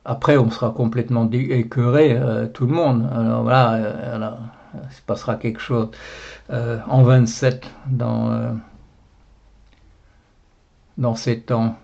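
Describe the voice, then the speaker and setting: A Belgian man with a Belgian French accent speaks in a gravelly, mid-pitched voice. He rambles indignantly in a casual video monologue, with plenty of fillers and repeated phrases. The sound is a bit dull and lo-fi. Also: darkish tone. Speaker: blogger.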